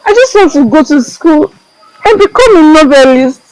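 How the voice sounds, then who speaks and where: A woman playing a troubled young schoolgirl who speaks softly and downcast in a film drama. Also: high voice, expressive, moderate pace, no room sound, poor audio. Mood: pleading. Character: troubled young schoolgirl facing forced marriage. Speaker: student.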